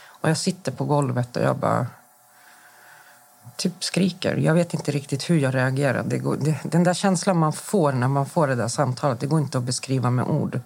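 A Swedish woman in her forties has a rumbling low, creaky, darkish and slightly rough voice. As a podcast guest she gives a detailed personal account in conversation, acting out quoted dialogue and often breaking off to restart her sentences.

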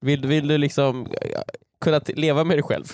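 A man chatting on a podcast, jumping in with teasing remarks. His voice sits a little high. The sound is close and dry, with no room around it. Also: fairly even intonation, a little mellow, dry recording. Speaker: podcast co-host. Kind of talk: casual chat.

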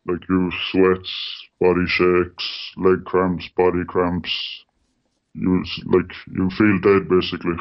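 A man's voice: completely flat delivery, slow. A man speaking as an anonymous radio interview guest through a voice-disguising distortion filter, in a plain matter-of-fact way. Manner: plain, matter-of-fact, frequent "like" and "you know". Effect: voice disguised by a distortion filter, deep. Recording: dull lo-fi sound.

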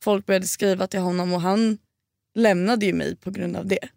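A young woman in her twenties, a podcast guest, telling a story in animated casual chat and swearing freely. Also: mid-range voice, creaky, dry recording, clean studio sound.

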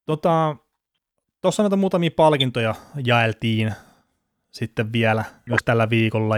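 A man's voice: medium pitch, dry recording, clean studio sound. A man hosting a casual sports podcast, chatty and rambling, laughing now and then. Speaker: podcast host.

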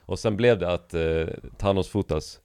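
Male comedian guest, 30s, low voice, dry close sound, acts out quotes. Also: gravelly, darkish tone, clean tone, no room sound. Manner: loose storyteller, acts out quotes. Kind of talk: casual podcast chat.

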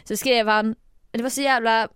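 A woman's voice: a little high, fairly even intonation, fairly bright tone, clear, resonant tone, dry recording, studio quality. A woman co-hosting a podcast in casual chat, teasing her co-host and laughing often.

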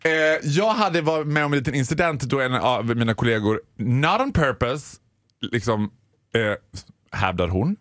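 A man's voice: medium pitch, lively intonation, fairly bright tone, no echo, studio quality. A man telling a story on a podcast in casual chat, acting out the voices of other people as he goes.

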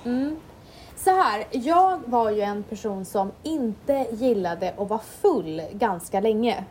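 A young woman chatting casually on a podcast, reacting with quick questions and laughs. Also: on the high side, lively intonation, darkish tone, slight background noise. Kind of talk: casual chat.

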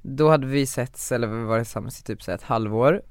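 A man's voice: medium pitch, dry recording, studio quality. A young man, a guest and author, telling a personal story in casual conversation with many fillers.

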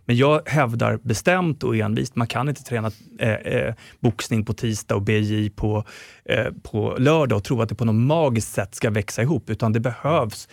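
A man's voice: medium pitch, vocal fry, no echo, studio quality. A middle-aged man co-hosting a podcast, explaining his views at length in a casual chat, firm and full of restarts. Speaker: podcast co-host.

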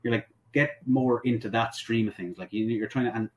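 A man's voice: medium pitch, a little fast. A man with a west of Ireland accent chatting casually about sport in a rambling, self-correcting way. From Sligo, west of Ireland. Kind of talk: casual football discussion.

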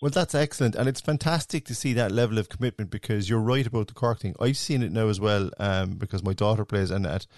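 A man's voice: on the low side, quick pace, few pauses, darkish tone, no room sound, studio quality. A man with an Irish accent hosting a conversational sports interview in an encouraging, effusive way. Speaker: podcast host.

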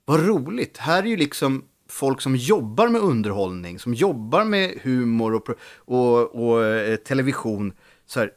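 A male comedian tells anecdotes in a casual podcast conversation. He talks in an animated way, often restarting his sentences. His voice sits at an ordinary pitch for a man. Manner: animated storytelling with frequent restarts. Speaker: comedian guest.

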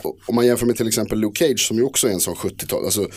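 Hesitant man, low voice, dry sound. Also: darkish tone, dry recording. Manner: hesitant, many fillers and restarts. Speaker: podcast co-host. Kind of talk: casual chat.

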